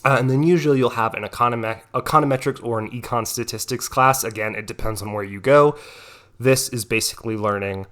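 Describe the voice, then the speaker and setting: An economics tutor with a cold explains a topic in an easygoing tutoring session, peppering his speech with "right?" The young man's mid-range voice is brisk, fairly bright, and a little nasal.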